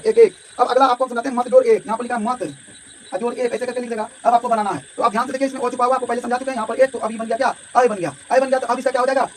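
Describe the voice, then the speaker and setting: A man teaching a grammar lesson, explaining step by step and often checking in his students. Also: very high voice. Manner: explanatory, repeats "ठीक है" and addresses students directly. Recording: distant mic with faint background noise.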